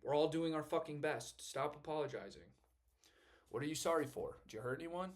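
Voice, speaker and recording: A man's voice: a little high, fairly quick. A young man in a casual self-help monologue who rambles earnestly, swears casually and keeps checking in with "right?". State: just back from the gym. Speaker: vlogger.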